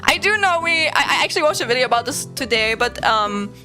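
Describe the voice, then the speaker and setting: A woman's voice: high voice, lively intonation, quick pace, pushed and bright. A young woman from West Germany with a German accent, chatting casually and rambling with many fillers on a stream, music playing behind her. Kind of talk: casual chat.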